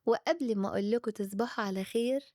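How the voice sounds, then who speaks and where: A woman with an Egyptian Arabic accent telling a bedtime story to children, expressive and speaking to them directly. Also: on the high side, racing, no room sound, studio quality. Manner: warm addressing of children, expressive.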